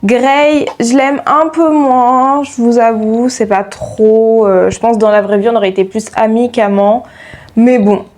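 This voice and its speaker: A young woman with a French accent, chatting casually to her viewers in an animated, giggly way. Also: on the high side, unhurried. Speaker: YouTuber. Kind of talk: casual chat to camera.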